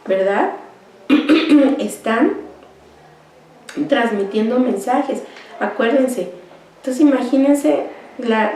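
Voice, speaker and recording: A woman's voice: on the high side, warm tone, slight background noise. A woman giving a university lecture, explaining step by step and often tagging her points with rhetorical questions. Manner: slow, explanatory, asks rhetorical "¿verdad?" often; clears throat now and then. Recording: echoey room, voice far from mic.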